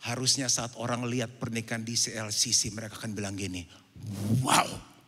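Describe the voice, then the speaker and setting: A middle-aged man preaching a sermon as pastor at a church service, telling lively stories and mixing English phrases into his talk. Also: on the low side, fast, slight background noise. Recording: long church-hall reverb.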